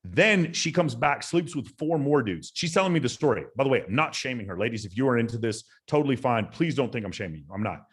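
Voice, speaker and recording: A man's voice: mid-range voice, animated, fast talker, few pauses, breathy edge. A man talking as a guest on a podcast, telling stories in a blunt, emphatic and profane way. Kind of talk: casual podcast chat.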